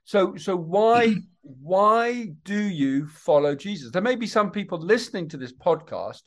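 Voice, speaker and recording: A male podcast interviewer with a voice pitched a little above average. He speaks in a conversational style, affirming what he hears and often repeating his words and phrases. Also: animated, measured pace.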